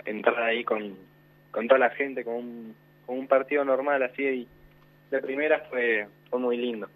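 Young Argentine footballer on a tinny phone line, modest short replies. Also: male voice, mid-range voice, steady tone, moderate pace. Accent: Rioplatense Spanish. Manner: short modest answers, soft-spoken. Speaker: young football player, guest.

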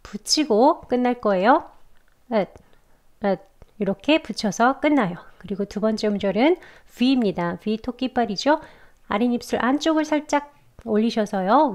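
A woman's voice: medium pitch, a little mellow. Woman patiently teaching English pronunciation. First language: Korean. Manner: patient, step-by-step explanations with slow repeated example words. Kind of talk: pronunciation lesson.

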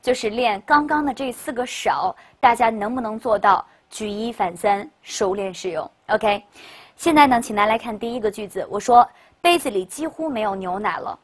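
A woman giving a classroom grammar lecture as a teacher, lively and full of questions to the class. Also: on the high side, normal speed. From China. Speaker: English teacher.

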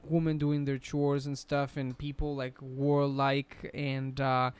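A man's voice: medium pitch, completely flat delivery, slow, clean tone. A man hosting a casual history podcast, explaining at length with frequent restarts.

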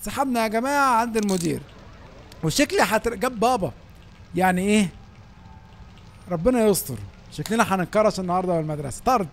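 A young man with an Egyptian Arabic accent giving excitable, joking commentary over a school game, given to sudden panicked shouts. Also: fast, pauses often, a little hiss or hum. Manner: excitable, yelps and shouts in panic, then calms to low asides. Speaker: gaming YouTuber. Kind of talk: comedic gameplay commentary.

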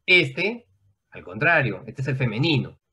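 A man's voice: medium pitch, big pitch swings, measured pace, pushed and bright, slightly rough. A man teaching an online class, explaining at length in a conversational way and often checking in with his students.

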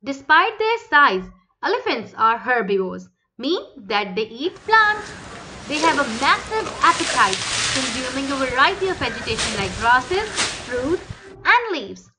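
A woman's voice: sits high, very animated, a little slow, background noise. A woman reading scripted nature documentary narration for children in a presentational, explanatory manner. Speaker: narrator of a children's educational animal video.

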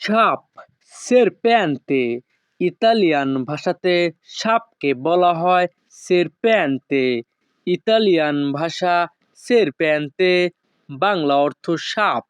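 A man teaching vocabulary in a slow, repetitive drill, saying each word and then its meaning. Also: high-pitched, lively intonation, clear, resonant tone, dry recording. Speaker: language teacher.

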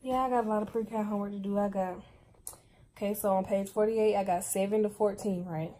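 A woman's voice: medium pitch, fairly even intonation, a little fast, dark tone. A young woman in her late teens, chatting casually to her viewers at home in a slangy, direct way. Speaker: vlogger. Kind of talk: casual vlog chat.

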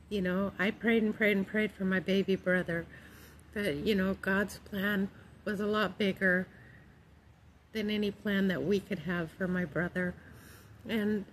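A middle-aged woman talks in a calm, gentle manner at a medium pitch. She chats casually and devotionally, taking her time. The phone recording is made outdoors, with faint ambient noise behind her. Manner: calm, gentle, unhurried delivery. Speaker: vlogger sharing her faith. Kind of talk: casual devotional chat to camera. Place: outdoors in a park among trees. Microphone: phone at arm's length.

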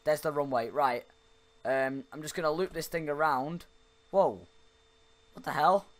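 Young man, gameplay commentary, chatty and excitable, slightly high-pitched, close desk mic. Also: measured pace. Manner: chatty, yelps and laughs at mishaps. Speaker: gaming YouTuber. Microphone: desk microphone spoken into closely.

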